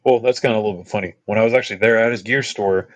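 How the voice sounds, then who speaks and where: A man from Texas with a deep voice fires off trail stories on a podcast at a rapid clip, his intonation fairly even. His casual storytelling rambles with fillers and asides, and there's no room sound.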